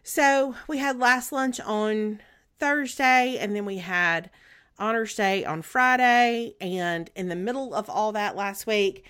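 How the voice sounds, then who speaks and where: A middle-aged woman with a Southern US accent chatting casually as a podcast co-host, in a rambling, halting way. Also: medium pitch, a bit bright, clear, resonant tone. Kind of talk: casual chat.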